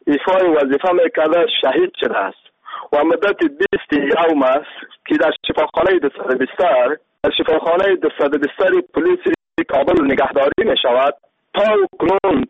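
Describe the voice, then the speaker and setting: A man with an Afghan Dari accent calling in to leave a message, heard over a radio, halting and repeating phrases as he goes. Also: fairly high pitch, no echo. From northern Afghanistan. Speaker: caller. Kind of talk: call-in message. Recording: tinny dry phone line.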